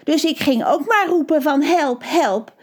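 A woman's voice: sits high, animated, a little slow, voice pushed up. A woman voicing a cautious, caring young daughter who speaks hesitantly. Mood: nervous.

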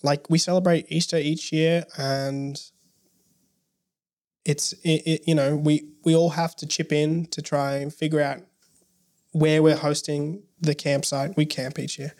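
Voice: medium pitch, little pitch movement, a little slow, a little mellow. A young adult early childhood educator, a guest on a casual podcast, talking hesitantly with many restarts and wry jokes.

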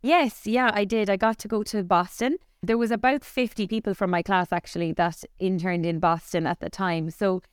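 A woman's voice: mid-range voice, moderate pace, hardly any pauses, clean tone, no room sound, studio quality. A woman in her forties with a Cork Irish accent, chatting candidly as a podcast guest about her career. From Ireland. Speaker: podcast guest, company founder. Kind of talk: conversational interview.

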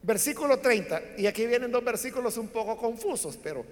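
A man preaching a sermon, telling a Bible story in an animated way and acting out the people in it. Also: extremely high pitch, a little fast. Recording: long hall reverb.

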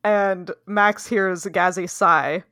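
A woman's voice: medium pitch, steady tone, sharp tone, no echo, studio quality. A woman co-hosting a casual book-club podcast, asking puzzled questions and laughing easily. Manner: quizzical, quick to laugh. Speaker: podcast co-host.

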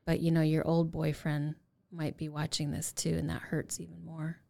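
A woman's voice: low-pitched, monotone, normal speed, creaky, warm tone. A woman co-hosting a parenting podcast, explaining techniques and acting out what teens and parents say. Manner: acts out teens' and parents' lines with big voice swings. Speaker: podcast co-host, parenting therapist.

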